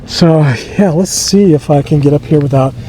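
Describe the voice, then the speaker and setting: An older American man with a wheezy voice, out of breath, chatting casually in a halting, rambling way as he walks outdoors with the mic close to his mouth. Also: on the high side, warm tone, poor audio. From suburb of Los Angeles, USA. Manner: rambling, halting, self-correcting. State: out of breath from walking uphill. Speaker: vlog host. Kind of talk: casual walking chat. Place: outdoors, walking on a hilly residential street. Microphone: camera microphone inches from the mouth. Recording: outdoor ambient noise, close camera mic.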